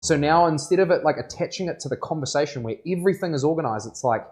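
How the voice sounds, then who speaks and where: A man's voice: fairly high pitch, animated, quick pace. A man with a broad New Zealand accent chats casually on a livestream as a tattoo artist, in laid-back, slangy speech that often checks for agreement.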